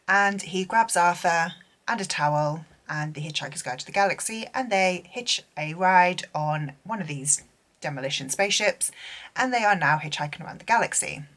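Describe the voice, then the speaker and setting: A low, fairly bright female voice belongs to a book vlogger having a casual, meandering chat packed with fillers and false starts. She is tired, unwell and losing her voice.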